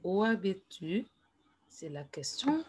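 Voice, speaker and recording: A woman teaching in a slow, patient classroom explanation, repeating each phrase and adding English asides. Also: mid-range voice, big pitch swings, a little mellow, a little hiss or hum. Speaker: French teacher.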